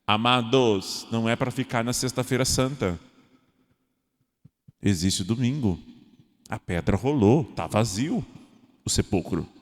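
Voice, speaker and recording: A man preaches a homily in a church with long, ringing reverb. His delivery is lively and playful, and he slips into acted-out voices of ordinary people to make his point. His voice sits at a medium pitch. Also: measured pace, long pauses. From Brazil. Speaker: parish priest.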